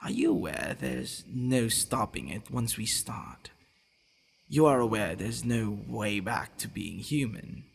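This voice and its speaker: In an intimate ASMR roleplay, a man voices a possessive, teasing, devoted vampire boyfriend, speaking hushed and breathy with hesitant pauses. His fairly low voice is animated and exaggerated, and the mood feels hesitant and tender.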